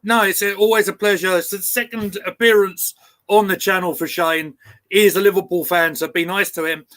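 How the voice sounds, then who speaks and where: A man's voice: high-pitched, steady tone, a little fast, a bit bright. A man with an Essex accent, hosting a casual football livestream chat. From Essex, England. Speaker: host.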